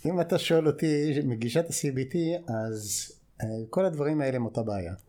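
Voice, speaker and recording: A clinical psychologist from the United States appears as an expert guest in an interview, explaining things in a teaching manner and checking in with short questions. He has an American accent and a mellow, mid-range voice.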